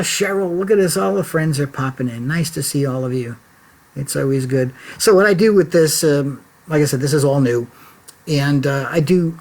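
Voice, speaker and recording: A man hosting a casual livestream check-in from his laptop at home, rambling and chatty with lots of fillers and restarts. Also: medium pitch. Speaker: website founder and host of a live check-in. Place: home office. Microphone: laptop mic.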